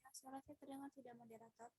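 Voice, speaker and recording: A young woman with a slightly high, breathy voice comes through very faintly, as if she holds her phone well away from her mouth on a video call. She speaks in quick, unsure bursts, checking whether anyone can hear her. The sound is dry, with no room around it. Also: flat delivery, warm tone, no room sound. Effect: very faint voice, as if the phone is held far from the mouth. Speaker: student asking a question. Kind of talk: online class discussion.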